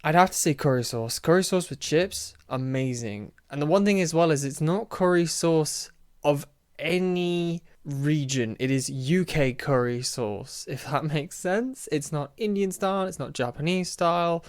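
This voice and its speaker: A man's voice: fairly high pitch, unhurried. A young man, casually chatting on his own through a quiz, self-mocking and often laughing. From United Kingdom. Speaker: podcast host. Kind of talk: casual solo chat answering a quiz.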